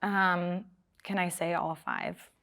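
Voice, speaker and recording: A woman's voice: on the low side, steady tone, takes it slowly, a bit bright. Bubbly young woman answering on the spot. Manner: bubbly, giggly, searches for words. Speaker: guest, apparel business owner. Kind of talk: casual interview answers.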